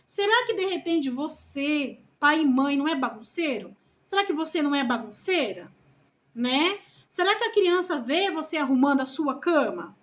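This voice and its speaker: Woman, Brazilian Portuguese accent, high voice, earnest, unhurried, parenting vlog, chatty to camera. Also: animated. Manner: slow, earnest, full of diminutives and rhetorical questions; calls herself loud-spoken. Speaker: parenting vlogger, first-time mother. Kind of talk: casual talk to camera.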